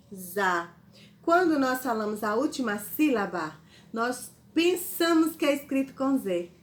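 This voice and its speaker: A woman teacher, giving a spelling lesson to children slowly and patiently, spelling out syllables. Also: mid-range voice, slight background noise. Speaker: primary school teacher.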